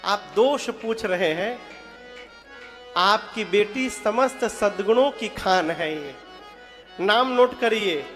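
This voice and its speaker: A man's voice: high voice, animated, slow pace, long pauses, fairly bright tone, soft background music. A man preaching a devotional story sermon, telling stories, quizzing his listeners and singing short verse lines. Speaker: katha preacher.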